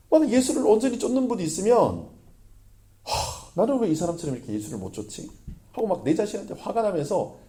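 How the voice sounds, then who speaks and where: A man preaching a sermon as pastor, lively, often asking the congregation questions. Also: fairly high pitch.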